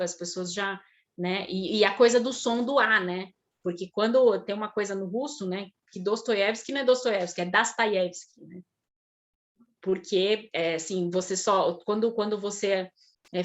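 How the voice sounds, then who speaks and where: A woman with a Brazilian Portuguese accent, a guest speaker answering audience questions on a video call, talking in a thoughtful, halting way with many restarts. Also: mid-range voice, highs cut off. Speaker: guest speaker on Russian literature.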